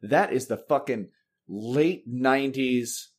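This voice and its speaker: A man hosting a podcast in casual chat, animated, laughing often and swearing freely. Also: mid-range voice, slow pace. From Massachusetts. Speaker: podcast host.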